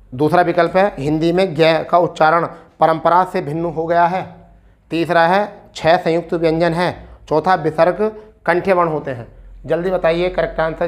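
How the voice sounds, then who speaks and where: A male teacher talking students through an exam practice set. He checks in with them often and keeps urging them on, drawn out slowly when he reads verse aloud. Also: on the high side. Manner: coaxing, repeats "ठीक है" often; recites verse slowly and deliberately. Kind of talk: explaining a practice test.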